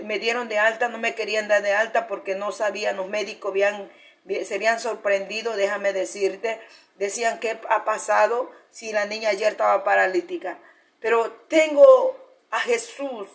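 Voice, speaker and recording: A woman pastor giving a fervent sermon testimony, often calling out to the congregation as beloved brothers and sisters. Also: mid-range voice.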